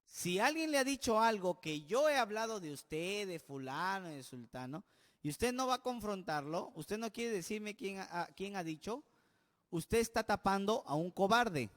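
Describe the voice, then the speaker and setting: A pastor preaching an emphatic sermon, often putting questions to the congregation. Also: male voice, high voice, lively intonation, normal speed, fairly bright tone. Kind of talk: expository sermon. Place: church. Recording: long church-hall reverb.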